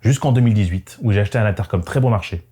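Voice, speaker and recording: A motorcycle vlogger reads his first-person script in a reflective, conversational manner, his low-ish, warm voice racing along with a breathy edge. Background music plays behind him.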